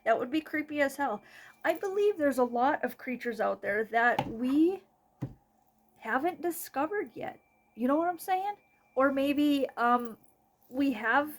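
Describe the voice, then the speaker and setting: High-pitched American woman, casual horror host. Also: lively intonation, unhurried. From North Dakota, United States. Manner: rambling, informal, swears freely. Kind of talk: casual spooky storytelling vlog, chatting to followers.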